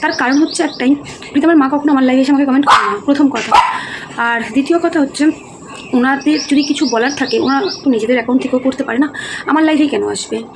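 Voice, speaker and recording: Weary woman vlogger, gravelly and quick. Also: high voice. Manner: earnest, explaining herself, a little weary. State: feeling low and heavy-hearted. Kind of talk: casual talk to viewers. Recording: noticeable background noise.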